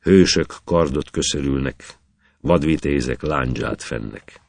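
A man's voice: extremely low pitch, creaky. A man reciting as a boastful young hero. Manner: proud, declaiming in verse.

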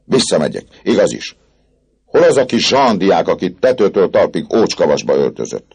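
Man voicing blustering beggar-king, rough husky shouting, swooping delivery. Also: deep voice, big pitch swings, voice pushed up, full character voice. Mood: indignant. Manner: loud, scornful shouting. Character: gruff male vagabond king, blustering leader.

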